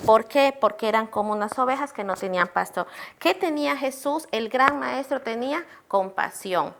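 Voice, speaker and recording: A woman's voice: fairly high pitch, lively intonation, moderate pace, creaky, background noise. A middle-aged woman teaching a church class on children's ministry, earnestly asking questions and answering them herself. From Peru. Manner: earnest, asks and answers own questions, addresses listeners as brothers.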